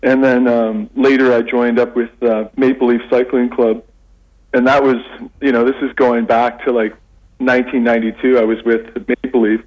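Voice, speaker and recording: A Canadian man, middle-aged, talking as a phoned-in radio guest, halting with many restarts and fillers. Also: medium pitch, flat delivery, a little mellow, muffled recording. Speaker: radio guest, English lecturer.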